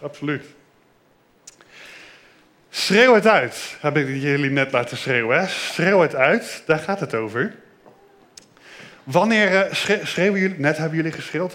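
A middle-aged man leading a children's church service, lively, asking the kids questions. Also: on the high side, brisk.

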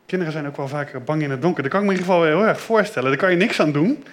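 A middle-aged man leading a children's church service, lively, asking the kids questions. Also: a little high, racing.

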